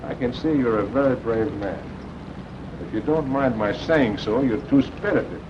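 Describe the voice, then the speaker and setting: A stern, world-weary resistance worker, played by a man in an old 1940s film. He admonishes deliberately at a middling pitch. The soundtrack is dull and noisy. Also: lightly acted. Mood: admonishing.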